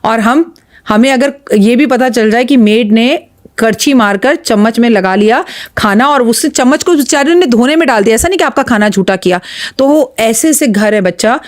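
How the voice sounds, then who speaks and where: A woman's voice: a little high, expressive, moderate pace. A woman astrologer giving blunt, emphatic advice as a guest on a podcast interview. She often retells stories with quoted dialogue.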